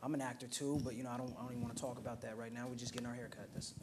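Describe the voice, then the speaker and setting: At a museum roundtable held indoors, a twenty-something man from Oakland, California shares personal stories casually in an American accent. He speaks rapid-fire in a mid-range voice with a level tone, and there is background noise.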